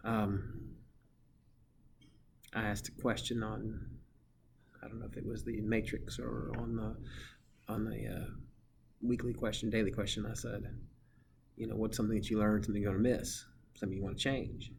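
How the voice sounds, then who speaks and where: Man, teacher, low voice, goofy and rambling, casual farewell talk, empty classroom, faint background noise. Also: level tone, normal speed, vocal fry, pauses often. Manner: goofy, rambling, playfully mimics students in high voices. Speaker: middle school social studies teacher. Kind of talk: casual farewell message to students.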